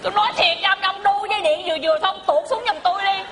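A woman playing a sharp-tongued, middle-aged matchmaker aunt who scolds and mocks the others. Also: very high-pitched, fairly even intonation, rapid-fire, a crowd in the background. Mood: scolding. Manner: mocking, scolding. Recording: live audience, hall noise.

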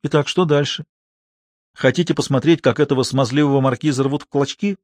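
An icy, cutting young actor from an audiobook whose calm, sarcastic words cut deeply, as a man reads him. His voice sits at an ordinary middle pitch. The reading is close and dry, with no room sound. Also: brisk, dry recording, lightly acted. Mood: coldly mocking.

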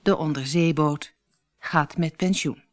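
A woman narrating a children's storybook in an expressive storytelling manner. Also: sits low, measured pace.

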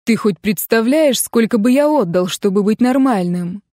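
A woman voicing a frightened young male mage who speaks in quiet, halting pleas. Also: fairly high pitch, expressive, no room sound, clean studio sound, lightly acted. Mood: shaken.

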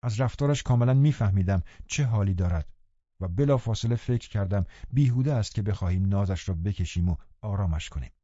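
A man narrating a classic novel in a calm, even storytelling manner. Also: fairly low pitch, dry recording, highs cut off. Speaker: audiobook narrator.

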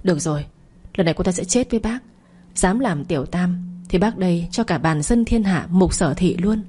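A woman's voice: on the low side, expressive, normal speed, dark tone, breathy edge. A woman voicing a domineering older mother who scolds harshly, in an audio story reading. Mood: scheming.

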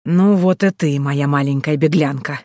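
A woman's voice: low voice, moderate pace, darkish tone, no echo, clean studio sound, close to an everyday voice. A woman voicing a creepy adult man who mocks and threatens in a sinister way.

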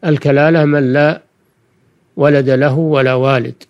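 An older man delivers a religious lesson in formal Standard Arabic. He explains in a deliberate, didactic way and repeats key phrases for his listeners, at an ordinary male pitch. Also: fairly even intonation, muffled recording. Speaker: religious scholar giving a recorded lesson. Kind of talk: Quranic exegesis lecture for listeners.

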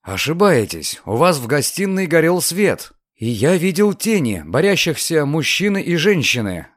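A man voicing a young lawyer, confident and insistent, speaking in a raised, lively voice. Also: fairly high pitch, normal speed, dry recording, clean studio sound, voice pushed up.

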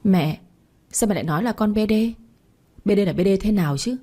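A woman's voice: mid-range voice, animated, quick pace, mellow, lightly acted. Cheeky young woman gamer, read by a woman. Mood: protesting. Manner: whiny, defensive protests.

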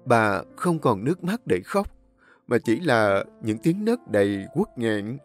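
A man narrating a dramatic story in an expressive, emotive way. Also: mid-range voice, measured pace, soft background music.

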